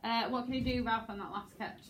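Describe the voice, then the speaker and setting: A woman drama teacher directing a rehearsal in a classroom, brisk and encouraging as she suggests actions. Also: on the high side, steady tone, a bit bright, a little hiss or hum.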